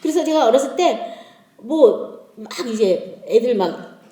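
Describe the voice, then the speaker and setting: A middle-aged woman giving a testimony in church, telling family stories with lively laughter and acting out the dialogue. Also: fairly high pitch, a little slow, echoey room. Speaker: lay speaker giving a testimony.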